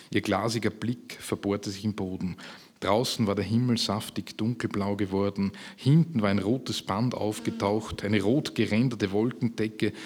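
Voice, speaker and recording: A man reading his own fiction aloud at a literary event, measured and slowing for emphasis. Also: lowish voice. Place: public reading at a literary festival.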